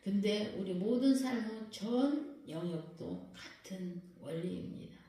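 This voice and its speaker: A woman pastor delivers a sermon in a mellow, warm voice, often turning to her congregation with questions. She stands some way back from the mic, and the hall gives her voice a heavy, lingering echo. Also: medium pitch, unhurried. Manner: lively preaching that keeps questioning the congregation. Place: prayer house worship hall. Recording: very echoey hall, voice far from the mic.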